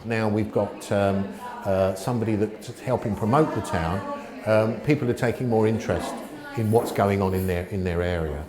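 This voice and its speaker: A man's voice: fairly low pitch, moderate pace. A man who runs a local newspaper, speaking hesitantly in an interview, often repeating words. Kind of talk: casual interview. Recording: echoey room with crowd behind.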